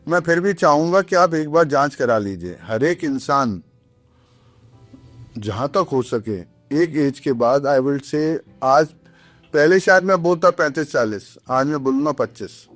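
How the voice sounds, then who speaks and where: A man's voice: fairly high pitch, animated, unhurried, fairly bright tone, no room sound, soft background music. A man who is a doctor, explaining kidney health earnestly on a podcast, switching between Hindi and English phrases.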